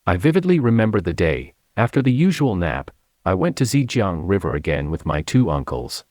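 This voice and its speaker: Man, audiobook memoir narration, deep, very lively intonation, dry close sound. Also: moderate pace, no room sound. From China. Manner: expressive storytelling.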